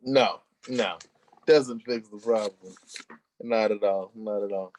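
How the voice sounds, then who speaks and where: Slow-talking male interviewer. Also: lowish voice, darkish tone. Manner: agreeable, short prompting replies. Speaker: interviewer host. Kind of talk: casual interview.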